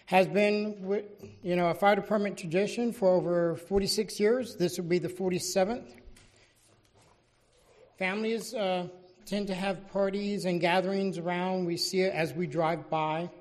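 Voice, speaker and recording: An official presenting at a public meeting in an everyday, middle-pitched voice. The delivery is informal and matter-of-fact, like a fire chief briefing a council. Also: fairly even intonation, normal speed, a little mellow.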